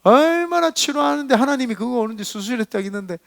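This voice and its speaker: A middle-aged man from South Korea preaching a sermon as pastor, telling a personal story and acting out the dialogue with swings in loudness. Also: very high voice, lively intonation, fast, vocal fry, no echo. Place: church.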